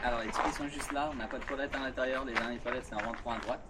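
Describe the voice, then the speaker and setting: Quick-talking male guide, foreign accent in French. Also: medium pitch, steady tone, very noisy. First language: not French; usually speaks English. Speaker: local tour guide. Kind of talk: informal guided-tour explanation. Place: outdoors at a forest park. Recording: busy outdoor vlog, loud background voices.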